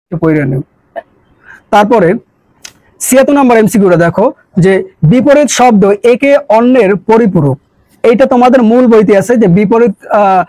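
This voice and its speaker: A man's voice: high-pitched, a little mellow, no room sound, rough recording. A man teaching an exam-prep lesson, casual and coaxing, who keeps asking a question and giving the answer again and again. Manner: repeats questions and drills answers; colloquial, coaxing.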